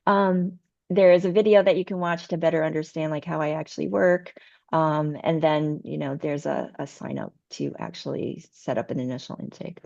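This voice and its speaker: A woman herbalist answering questions after her conference talk, earnest and full of ums, her voice going hoarse. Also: low-pitched, a little fast, no room sound, lo-fi sound. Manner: warm, earnest, hesitant with many ums. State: losing her voice. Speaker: TCM herbalist presenter.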